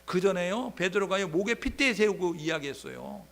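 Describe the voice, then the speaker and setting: A man's voice: sits high, brisk. A male pastor preaching a sermon, telling Bible stories animatedly and asking the congregation rhetorical questions. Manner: animated storytelling, acting out biblical scenes in dialogue.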